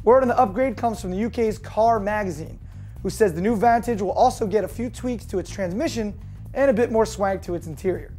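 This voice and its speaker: A hoarse woman hosting a daily car news show, reading scripted news with jokey deadpan asides. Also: mid-range voice, brisk, soft background music. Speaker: host.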